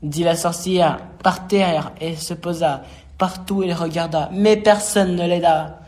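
A man reading a rhymed children's storybook aloud, slow and expressive. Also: fairly high pitch.

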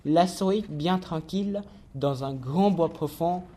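A man narrating a children's story in rhymed verse, reading clearly and rhythmically. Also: a little high, measured pace, dark tone.

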